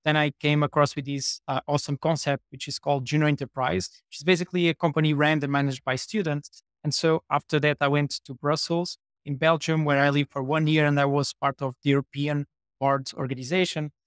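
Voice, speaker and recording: A man's voice: on the high side, little pitch movement, brisk, no echo, studio quality. A man in his thirties from Portugal, a startup co-founder, chatting as a podcast guest with many fillers and restarts. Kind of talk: casual interview talk.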